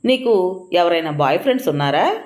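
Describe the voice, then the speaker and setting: A woman voicing a fussy, bossy young husband who scolds and shouts. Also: fairly low pitch, animated, a little fast, lightly acted. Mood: eager.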